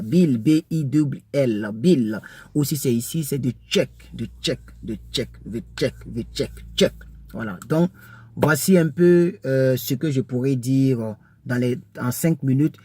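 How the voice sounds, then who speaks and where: A man teaching English words to French speakers in a casual lesson, repeating each word slowly and chatting with many fillers. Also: mid-range voice, warm tone, dry recording. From French-speaking country.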